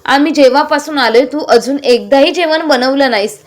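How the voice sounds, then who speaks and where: A bossy old father-in-law in a spoken storybook who issues demands at the table, as a woman narrator reads his part. The reading keeps a high voice. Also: normal speed, natural voice. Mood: demanding.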